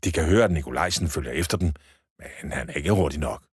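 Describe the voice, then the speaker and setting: A man reading a Christmas story for children, with expressive storybook narration. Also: extremely low pitch, slightly rough, no echo, clean studio sound.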